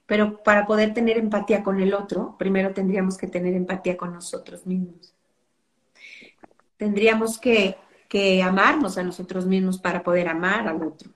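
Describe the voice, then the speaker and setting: A woman's voice: mid-range voice, fairly even intonation, normal speed, echoey room. A woman parenting educator explaining things earnestly in an interview, acting out what parents say. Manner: earnest, acts out parents' quotes.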